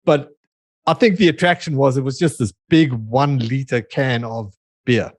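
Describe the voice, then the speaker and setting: A podcast host with a South African and Australian accent, talking casually and joking easily. He speaks at an ordinary pitch, and the video call gives it a plain, everyday sound. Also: normal speed, no echo, clean studio sound. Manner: jokey, relaxed, laughs easily. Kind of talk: casual interview chat.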